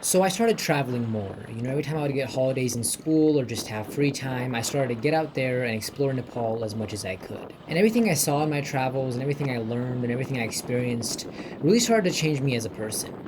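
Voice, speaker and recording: A young American man, a vlogger, narrates a personal documentary voice-over in an earnest, reflective way, saying "you know" a lot. His mid-range voice is expressive and he talks fast. Loud guitar music plays under the voice-over, adding background noise.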